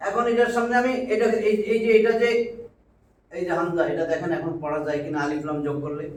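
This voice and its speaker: This man's voice is a little high, expressive and quick as he leads a Quran reading class at a whiteboard. He speaks patiently, repeats words, and keeps asking whether the class understands. The room is echoey and the mic sits far away.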